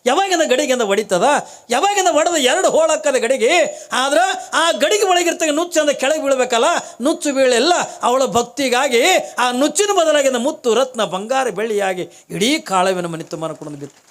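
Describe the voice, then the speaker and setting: A man's voice: animated, moderate pace. A man preaching a storytelling sermon, acting out the story's characters and repeating phrases for emphasis. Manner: voices the story's characters, rising to high-pitched loud exclamations. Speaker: religious preacher.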